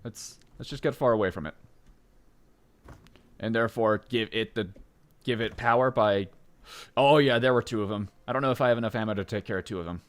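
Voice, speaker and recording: A man casually commenting on his gameplay in a rambling way, full of fillers and self-interruptions, jumping up in pitch when excited. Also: a little fast, pauses often. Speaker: let's play gamer.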